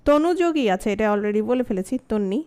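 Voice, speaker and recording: In an online grammar class, a high-voiced woman with a Bangladeshi Bengali accent puts many questions to her students. Before explaining the rule, she goes through example words slowly, one by one.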